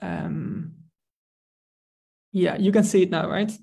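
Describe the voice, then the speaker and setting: A man from the Netherlands, giving an online research presentation over a video call, measured and full of ums. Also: high-pitched, steady tone, vocal fry, mellow, husky. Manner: measured, with frequent ums and restarts.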